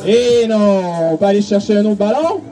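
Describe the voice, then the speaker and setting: High-voiced stadium announcer. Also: male voice, expressive, normal speed, distant mic, over music. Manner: hyping the crowd, calling out contests. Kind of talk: live PA announcing at a game. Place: outdoor football stadium.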